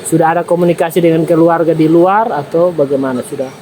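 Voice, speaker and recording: A man with an East Nusa Tenggara accent, asking measured interview questions and humming along as he listens. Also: a little high, fairly even intonation, dark tone, a little hiss or hum. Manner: measured questions with frequent hums. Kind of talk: field interview.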